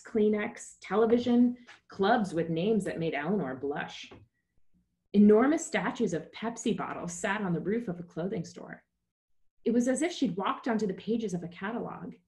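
A woman novelist reading from her book, then talking casually about writing with many fillers, over a video call. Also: mid-range voice. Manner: plain, with many fillers in talk.

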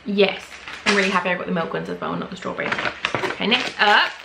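A young English woman chatting excitedly as she tries snacks on her vlog at home, gasping at what she finds. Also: mid-range voice, fast talker, gravelly, heavy background noise. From England. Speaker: vlogger. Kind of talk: casual snack-tasting vlog.

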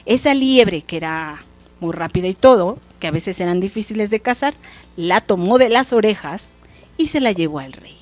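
A woman telling a folk tale for young listeners as a show host. Her retelling is lively, expressive and casual, pitched in a middle register. Faint music plays underneath. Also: normal speed. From Mexico. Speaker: storyteller host. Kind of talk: folk tale storytelling for children.

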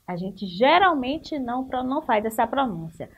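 A woman's voice: a little high, expressive, normal speed, breathy edge, highs cut off. A woman with a Brazilian Portuguese accent, teaching a remote school lesson, explaining step by step, asking the class questions and praising answers.

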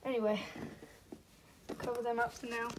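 A young woman chatting casually off camera while filming her ant colony, excitable and sometimes dropping to a whisper. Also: a little high, normal speed, noisy background. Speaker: ant-keeping vlogger. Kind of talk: casual off-camera vlog narration.

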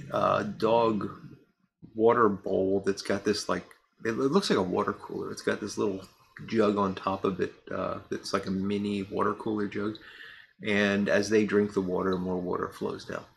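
A pipe tobacco reviewer in his fifties talks casually into a desk camera in his home workshop, his voice low and gravelly. He rambles candidly and often restarts his sentences, with faint room ambience and a little hiss or hum behind him.

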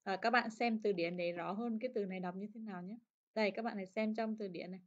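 A woman teaching an English lesson, repeating words and sentences slowly and clearly for learners to copy. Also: mid-range voice, fairly even intonation, lo-fi sound. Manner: slow, drawn-out pronunciation drills. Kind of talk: language lesson.

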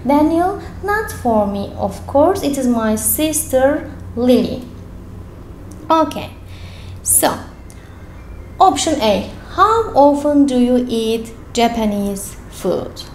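In a slow, sing-song, high-pitched voice with a darkish tone, a woman whose first language is Turkish reads worksheet questions aloud and explains each answer step by step as an English lesson. She's indoors at a desk with a paper worksheet, in an echoey room with slight background noise.

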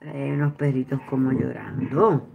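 A Puerto Rican woman chatting casually with her followers at home, expressive and quick to swear. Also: rumbling low, vocal fry, dull audio, a little hiss or hum. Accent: Puerto Rican Spanish. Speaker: vlogger. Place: at home, indoors.

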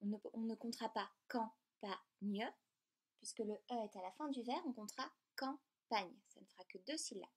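A woman teaching a lesson in a clear, patient, step-by-step way. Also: fairly high pitch, normal speed. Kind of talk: explanatory lesson.

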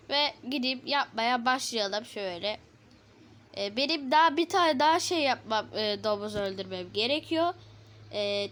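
A woman with a high, bright-sitting voice narrates her survival game in a loose, slangy way. She talks while lying down and jumps quickly from chatty explanation to excited yelling. Faint background noise sits under her voice. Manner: excitable, slangy, shouts in bursts. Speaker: gaming video host. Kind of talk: casual gameplay commentary.

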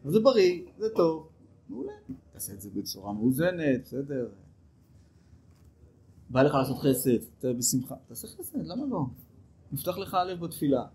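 Brief: man, fairly high voice, a bit husky, animated rabbi giving an informal lesson to students. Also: long pauses. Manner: animated, urging, acts out inner voices. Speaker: yeshiva rabbi teaching students.

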